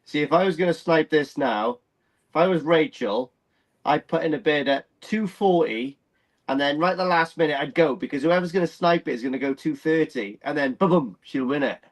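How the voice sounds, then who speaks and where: A man with a slightly higher voice co-hosts a streamed koi auction. He gives chatty, joking commentary on the bids and tactics. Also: moderate pace, low-quality recording. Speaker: auction co-host. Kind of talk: live-stream auction chat.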